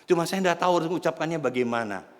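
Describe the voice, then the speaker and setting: A man voicing a gentle teenage girl who speaks softly and earnestly to a stranger. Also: a little high, animated, racing, in a large hall, voice pushed up, natural voice. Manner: soft, pleading.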